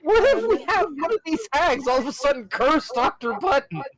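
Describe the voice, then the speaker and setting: A woman's voice: high voice, big pitch swings, moderate pace, a crowd in the background, low-quality recording. A woman player chatting and joking at a tabletop game, laughing often. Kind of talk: casual tabletop chat.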